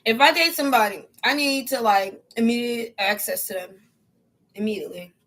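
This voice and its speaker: A woman's voice: on the high side, moderate pace, fairly bright tone. A woman talking casually on a livestream at home, chewing as she eats, with a slangy, playful, opinionated manner. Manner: chewing while talking, eating. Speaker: solo livestream vlogger. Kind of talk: casual chatty livestream monologue.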